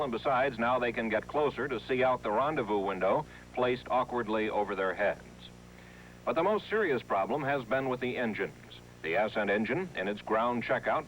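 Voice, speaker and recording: American male correspondent, mid-pitched, scripted report narration, faint hum of an old 1960s broadcast. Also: a bit bright, poor audio. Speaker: TV news correspondent.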